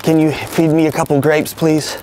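A man's voice: fairly high pitch, little pitch movement, moderate pace, a little mellow, slight background noise. A middle-aged man pulling a street prank, pleading and overly grateful as he begs strangers for help outdoors.

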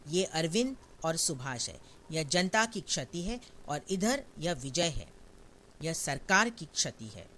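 A man's voice: fairly high pitch, sing-song, slow, pushed and bright, slight background noise, exaggerated voice. A reader doing a wounded, solemn man. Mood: firm. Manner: firm, solemn speeches.

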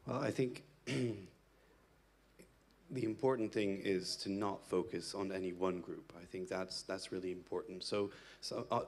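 Guy in his 30s on a panel, low gravelly husky voice, thinking out loud. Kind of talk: panel discussion answer. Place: stage in a large hall. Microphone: handheld mic.

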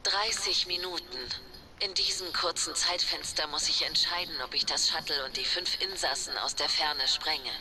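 An actress playing a composed starship captain who gives a formal, measured report as a sci-fi communicator transmission. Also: female voice, low-pitched, steady tone, low-quality recording. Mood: grave. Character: composed female starship captain, grave and decisive. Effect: sci-fi communicator transmission, a recorded radio message. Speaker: ship captain in a recorded log. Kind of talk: video game voice acting.

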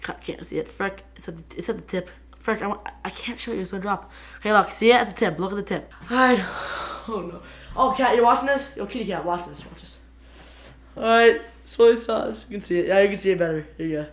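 A woman hosting a casual home vlog, excitable and rambling, dropping 'frick' and 'bro' constantly as she moves around her kitchen. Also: mid-range voice, fast. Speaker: channel host. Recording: echoey room.

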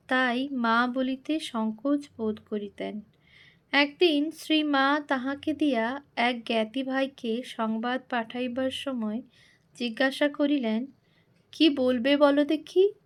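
A woman reads a devotional biography in formal literary prose. Her voice sits high and her pace is slow and deliberate, with a steady, reverent recitation throughout. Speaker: narrator. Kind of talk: reading a devotional biography aloud.

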